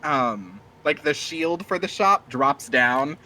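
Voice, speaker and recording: A man's voice: fairly high pitch, big pitch swings, slow, bright, forceful tone, low-quality recording. A man narrating a tabletop game as game master, rambling with many fillers. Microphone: streaming mic.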